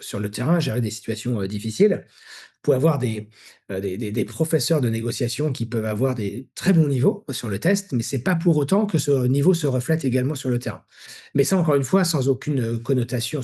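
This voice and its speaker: A man's voice: fairly high pitch, dark tone, breathy edge. A middle-aged man presenting his negotiation training programs in a live webinar, explaining at length and answering his own rhetorical questions. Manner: explanatory, frequent fillers and restarts, rhetorical questions.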